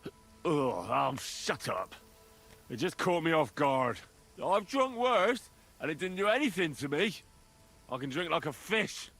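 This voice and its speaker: A cocky young hero in a video game, boastful and quick to swear. He speaks slowly in a bright, lively voice over faint music. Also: on the high side, full character voice. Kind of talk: game voice acting.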